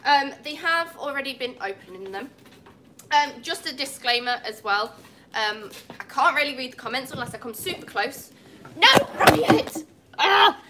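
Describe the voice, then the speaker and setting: A young woman from England, nursing a cold, chats casually on a livestream from an indoor cat cafe with large windows, using a phone on a tripod as her microphone. Her voice is high-pitched and animated at a normal speed, and she apologizes and laughs often. Background noise can be heard.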